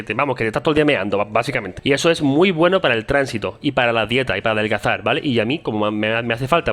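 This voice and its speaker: A man's voice: mid-range voice, a bit bright. A middle-aged man from Spain with a Spanish accent, chatting casually and jokingly in a vlog, often mocking himself. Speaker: vlogger.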